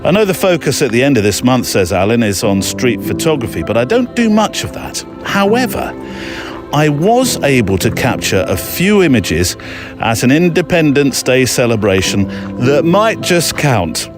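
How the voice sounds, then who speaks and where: Over music, a man hosts a podcast conversationally and reflectively, reading listener letters aloud and cutting into his own sentences. He has a mid-range voice with big pitch swings and speaks at normal speed.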